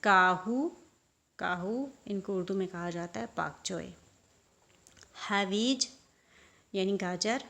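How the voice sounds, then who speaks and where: A woman's voice: medium pitch, slow, vocal fry, pauses often, fairly bright tone. A woman teaching vocabulary, saying each word and then explaining it. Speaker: language teacher. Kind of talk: slow vocabulary lesson.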